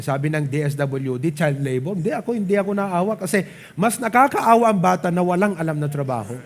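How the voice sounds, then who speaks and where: A man with a Filipino accent preaching a sermon at church, animated, often asking the congregation to agree and mixing English into his talk. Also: sits high. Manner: animated, asks the crowd "di ba?" often; mixes English and local speech, light laughs. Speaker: pastor. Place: church service.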